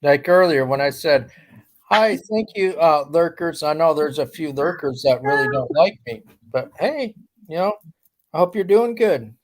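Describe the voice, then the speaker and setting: A man's voice: a little high, animated, normal speed. A man chatting on a live stream, joking around and easygoing, calling himself a smart aleck. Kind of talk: casual live stream chat.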